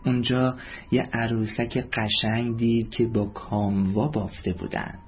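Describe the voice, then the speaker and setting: A man telling a bedtime story to children, gently speaking to them directly. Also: mid-range voice, level tone. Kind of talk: scripted story narration for children. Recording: dull lo-fi with faint background music.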